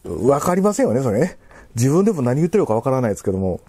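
A food vlogger in his thirties with a Kansai accent chats casually to the camera while eating and drinking in his living room at home. His talk is halting and rambling with repeated phrases, labored from the spicy food. His mid-range voice is sing-song and mellow with a breathy edge.

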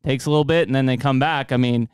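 A man's voice: medium pitch, steady tone, fast, smooth, no echo. A man in his late thirties hosting a podcast, talking loosely and casually with a studio desk mic. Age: 30s. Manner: loose, talkative, swears casually. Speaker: podcast host. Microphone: desk mic with headphones.

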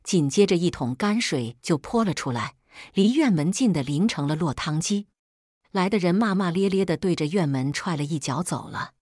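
Low husky woman narrating a story. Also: moderate pace, no room sound, clean studio sound. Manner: steady, plain recounting of a harsh family story. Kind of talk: scripted first-person storytelling.

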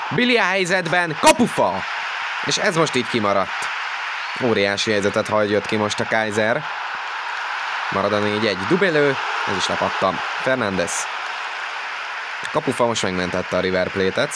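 Deep-voiced man, excited football commentary, loud noise. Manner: excitable, voice jumps up on goals and chances. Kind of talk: excited live sports commentary on a football video game. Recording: noisy, loud stadium game sound behind. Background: football video game stadium ambience.

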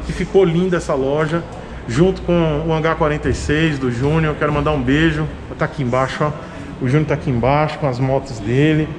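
A man's voice: on the high side, noisy background. A man with a Brazilian Portuguese accent hosting a casual, enthusiastic vlog tour of a motorcycle shop. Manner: upbeat, chatty, enthusiastic. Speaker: vlog host.

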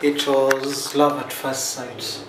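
A young man answers questions in a relaxed, joking way. He speaks at a middle pitch, and his voice rings through a very echoey room. A constant hiss sits underneath. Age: young adult. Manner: laid-back, quick joking answers. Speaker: vlogger answering couple questions. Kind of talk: casual couple chat. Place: small living room, indoors.

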